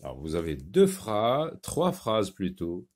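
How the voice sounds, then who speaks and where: Slow, lively-voiced male phonics teacher. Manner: slow, carefully over-articulated words, lively rising and falling pitch. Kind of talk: phonics lesson for young children.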